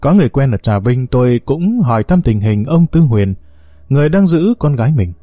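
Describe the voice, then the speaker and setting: A man narrating a first-person story in a steady, unhurried way as the storyteller of an audio series. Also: mid-range voice, no echo, studio quality.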